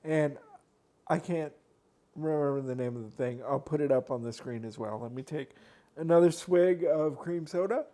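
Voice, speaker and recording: This mukbang vlogger's voice is fairly high and warm, delivered at a moderate pace. Eating on camera at a desk by his laptop at home, he chats casually and rambles, with lots of fillers and restarts.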